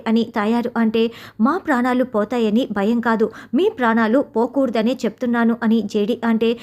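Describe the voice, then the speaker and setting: A woman's voice: a little high, darkish tone. A woman retelling the scenes of a TV serial episode, reading out every character's lines in her own voice. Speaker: recap narrator.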